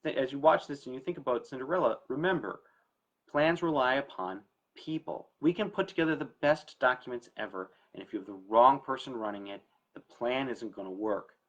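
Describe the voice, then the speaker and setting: In a mid-range voice, a little fast, the estate planning attorney talks informally to camera during his story time show. The audio is muffled, and his explanatory delivery is conversational with plenty of emphasis.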